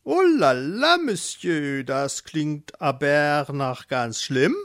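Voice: mid-range voice, expressive, slow pace, fairly bright tone. A storyteller voicing a pompous, theatrical male flamingo who drops French phrases, for a children's storybook.

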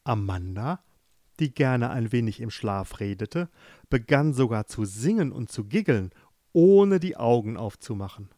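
Guy reading a fairy tale, slow and super expressive, dry close sound. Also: mid-range voice, no echo. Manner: expressive, lively storytelling. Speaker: narrator.

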